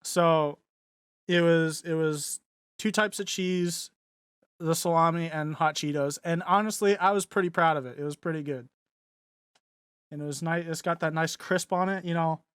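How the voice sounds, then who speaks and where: A man's voice: a little high, steady tone, moderate pace, clear, resonant tone, no echo, clean studio sound. A young man co-hosting a podcast, chatting casually and rambling with many fillers and restarts. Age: young adult. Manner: mimics voices loudly in quotes. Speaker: podcast co-host. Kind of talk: casual chat.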